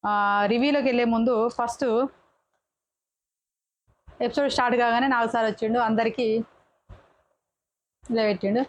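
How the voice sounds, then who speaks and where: A woman talks through a reality show episode as if chatting with her viewers. Her voice sits a little on the high side. She keeps cutting herself off and restarting words as she goes. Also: steady tone. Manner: chatty, quick restarts and self-corrections. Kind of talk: casual episode review.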